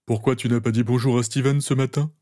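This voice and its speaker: A man voicing an easygoing young man, a protective older brother who talks in a relaxed, teasing way in an audiobook reading. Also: mid-range voice, fast, pitched above the performer's own voice, close to an everyday voice.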